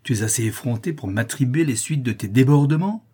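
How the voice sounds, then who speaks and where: A man voicing a hypocritical rich notary who shouts outraged accusations in a storybook reading. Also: lowish voice, normal speed, slightly rough. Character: hypocritical rich male notary, indignant, cruel.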